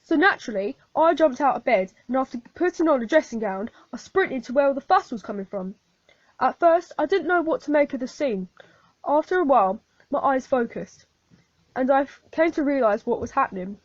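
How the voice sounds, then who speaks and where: A woman's voice: sits high, expressive, normal speed, no room sound. A woman playing a weary male hotel landlord. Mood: recounting. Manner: plain, careful storytelling testimony. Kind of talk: amateur radio play acting. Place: home, recorded alone. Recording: dull, dry home recording.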